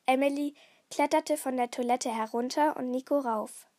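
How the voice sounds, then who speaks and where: A woman reading a children's detective story aloud in a lively, expressive way. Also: high voice, moderate pace, dry recording.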